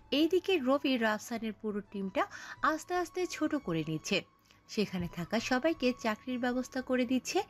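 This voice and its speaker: High, lively woman telling a story. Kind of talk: scripted story narration.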